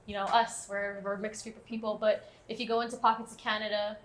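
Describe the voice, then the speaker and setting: A woman's voice: mid-range voice, little pitch movement, fast talker. A woman of twenty-five speaking as a panelist, chatty and often tagging her points with "right?". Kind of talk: casual discussion.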